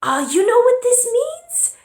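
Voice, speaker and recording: A woman's voice: extremely high pitch, big pitch swings, a little mellow, pitched above the performer's own voice, heavily acted. A woman putting on her anxious immigrant mother, a native Chinese speaker who gropes for English words. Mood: alarmed. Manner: halting, groping for English words. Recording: roomy echo.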